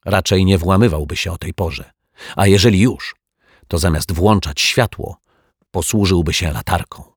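A man reading a children's detective story, voicing a calm, clever detective who sets out his deductions in a measured way. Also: low-pitched, breathy edge, no echo, studio quality. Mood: reasoning.

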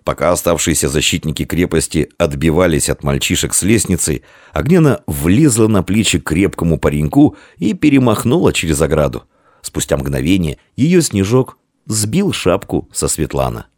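A man narrating a children's story with expressive reading. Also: sits low, moderate pace, no room sound, studio quality. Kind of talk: audiobook narration.

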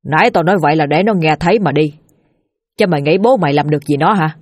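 A woman voicing a blunt, gruff middle-aged father who scolds and swears harshly in a storybook reading. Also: low voice, fast talker, no echo, studio quality.

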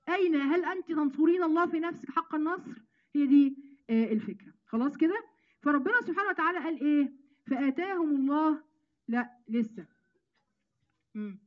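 A woman with an Egyptian accent giving an animated Quran lesson to women, addressing them as sisters. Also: high-pitched, muffled recording. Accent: Egyptian Arabic. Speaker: Quran teacher.

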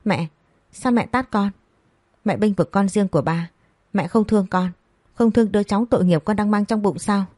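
A woman's voice: mid-range voice, normal speed, warm tone, no echo, studio quality, lightly acted. A woman voicing a spoiled, defiant young woman who sneers at her family, in a storybook reading.

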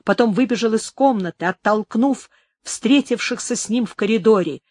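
An audiobook narrator giving a measured, expressive dramatic reading of a classic novel. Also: medium pitch, no room sound.

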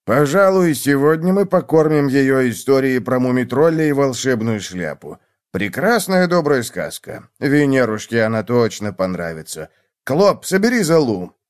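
A man voicing a kindly, absent-minded old hamster gnome in a children's audiobook, speaking slowly in a muttering, grandfatherly way. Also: medium pitch, very animated, natural voice. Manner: slow, doddering, muttering.

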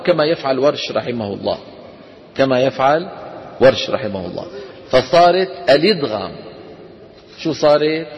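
A man teaching a tajweed class, questioning his students and chanting verse lines slowly. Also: a little high. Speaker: Quran recitation teacher. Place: lecture hall with students. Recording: dull lo-fi lecture recording in a reverberant hall with faint noise.

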